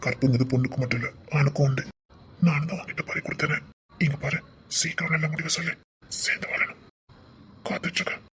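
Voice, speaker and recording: A man's voice: a little high, flat delivery, a little fast, long pauses, a little hiss or hum, lightly acted. A man voicing a pushy, devoted young suitor, murmuring half-whispered in an amateur audio drama. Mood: earnest.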